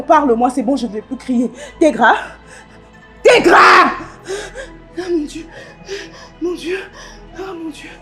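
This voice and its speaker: A young woman with a Congolese French accent playing an anxious, protective older sister who pleads and repeats herself. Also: high-pitched.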